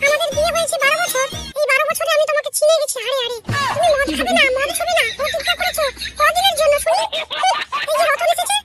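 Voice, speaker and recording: A performer doing a shrill scolding village wife. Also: steady tone, quick pace, hardly any pauses, loud music behind the voice. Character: sharp-tongued village wife, woman. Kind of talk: cartoon voice acting.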